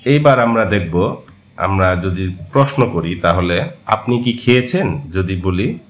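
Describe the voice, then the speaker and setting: A man whose first language is Marma, patiently explaining a screen-share language lesson and often pausing to hesitate. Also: deep voice, lively intonation. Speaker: language course teacher.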